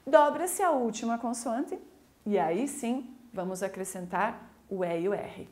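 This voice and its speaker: Brazilian woman teacher, recorded video lesson, fairly high voice, coaxing and lively, unhurried. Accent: Brazilian Portuguese. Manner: lively, coaxing, slow deliberate explanations. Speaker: English teacher.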